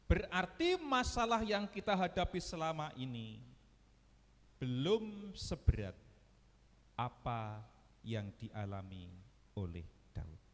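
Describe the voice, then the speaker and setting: Slow-preaching man in a reverberant church. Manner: preaching with sweeping swings of pitch and volume, asking the congregation questions. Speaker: pastor. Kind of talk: sermon. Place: church hall.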